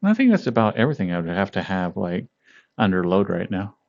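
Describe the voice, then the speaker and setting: A man streaming live and chatting casually with viewers, laughing often and greeting them by name in a relaxed, meandering way. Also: deep voice. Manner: relaxed, meandering, with fillers and pauses. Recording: dull lo-fi stream audio.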